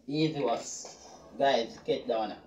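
Young Jamaican male, lively casual banter, heard from across a reverberant room with heavy noise. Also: medium pitch, a little slow, highs cut off. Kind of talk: casual bantering during a party-game challenge. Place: small bare room indoors. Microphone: camera a few metres away. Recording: echoey room, distant mic, loud noise and clicks.

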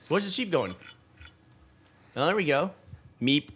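A man's voice: on the high side, big pitch swings, normal speed, a bit bright, breathy edge. A man co-hosting a kids' gameplay show, chatting casually with his son as they play. He is curious and playful, asks lots of questions and cheers his son on.

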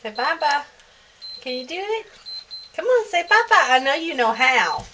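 A woman chatting casually and teasing softly in a home kitchen, heard off-mic. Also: sits high, sing-song, normal speed, far from the mic, a little hiss or hum, poor audio. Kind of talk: casual chat.

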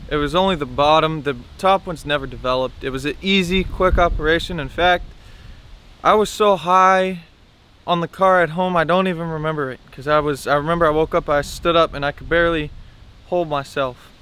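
A young man vlogs casually outdoors, holding the camera at arm's length. His voice sits a little high, and his words are slightly numb-mouthed after dental surgery. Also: fairly even intonation, brisk, a bit bright, clean tone. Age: young adult. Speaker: vlogger. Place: outdoors by a sidewalk with palm trees.

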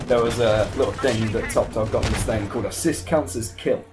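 A man's voice: fairly low pitch, over music. A young man co-hosting a gameplay video, joking and teasing his friend in a casual chat. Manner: joking, teasing, quick asides. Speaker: co-host commentating gameplay. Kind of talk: casual banter over gameplay footage.

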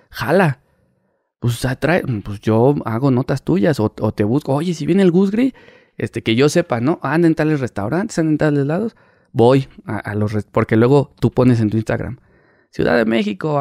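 A Mexican man in his thirties, a paparazzi guest, telling animated stories in casual interview talk, acting out the people he quotes. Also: medium pitch, vocal fry, dry recording, studio quality. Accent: Mexican Spanish. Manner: animated, acts out quoted voices, laughs mid-story.

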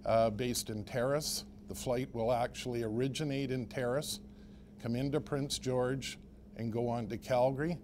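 A man, giving measured, halting interview answers as a company spokesman. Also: mid-range voice, fairly even intonation, a little mellow, a little hiss or hum. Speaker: airline spokesman. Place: indoor press room.

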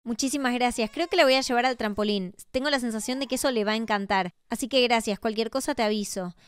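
A woman's voice: fairly high pitch, fast talker, clear, resonant tone. A woman with an Argentine accent narrating a game role-play and speaking in a tender, soothing, motherly way. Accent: Argentine Spanish.

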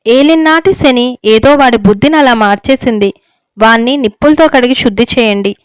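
A woman's voice: fairly high pitch, moderate pace, clear, resonant tone, no echo, natural voice. A woman reading as a pleading older mother. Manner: pleading, tearful. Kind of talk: story reading.

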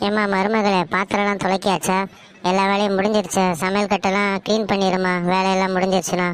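A woman's voice: mid-range voice, level tone, fast, slight background noise, close to an everyday voice. A woman voicing a blunt, commanding older mother-in-law in a cartoon story, with a Tamil Nadu accent. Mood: bossy.

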